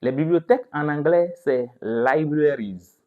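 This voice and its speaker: A man's voice: on the high side, unhurried, phone-quality sound. A man teaching a vocabulary lesson. He asks the class questions, answers them himself, and repeats each word several times so listeners can drill it. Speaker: English teacher.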